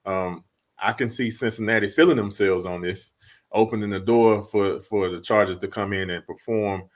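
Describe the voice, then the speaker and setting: A man's voice: fairly low pitch, normal speed. A man co-hosting a casual sports chat, talking through his pick in a rambling way and repeating words as he thinks. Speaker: podcast co-host.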